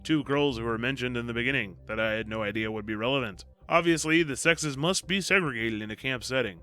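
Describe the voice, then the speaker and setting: Speaking at medium pitch with a bright, forceful tone, a man who hosts book-summary videos delivers scripted narration that's wry and jokey, peppered with sarcastic remarks.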